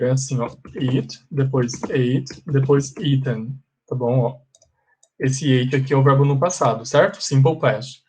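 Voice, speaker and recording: A man with a Brazilian accent, teaching a live class as an English teacher. He repeats examples slowly and puts questions to his students. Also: medium pitch, a little mellow. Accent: Brazilian Portuguese.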